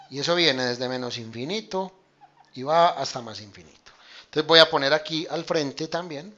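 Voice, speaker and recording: A man teaches a math class online, talking through each step casually and checking in with his students as he goes. His voice is bright and a touch high. It comes through a dull, lo-fi computer microphone. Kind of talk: online class lecture with screen demonstration.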